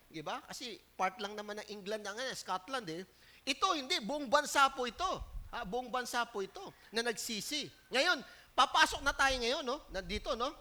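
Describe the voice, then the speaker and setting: A Filipino pastor preaching to his congregation with lively energy. His voice sits very high and sounds bright and sharp. He moves between reading scripture and explaining it in a conversational way. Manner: animated preaching, mixing English Bible reading with Tagalog explanation; acts out indignant quotes in a raised, whiny voice. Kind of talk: sermon.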